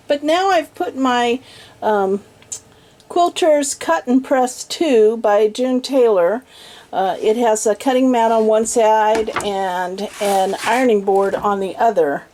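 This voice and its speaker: A woman's voice: fairly high pitch, a little mellow. A middle-aged woman casually narrating a vlog as host, recorded inside a small camper trailer. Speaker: host of a sewing and travel vlog.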